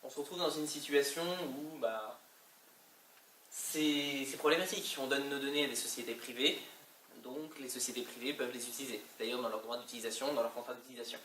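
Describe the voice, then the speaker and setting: Male conference speaker, French accent, colloquial and hesitant, bright tone, echoey room with faint noise. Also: medium pitch, brisk, distant mic. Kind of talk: informal technical presentation.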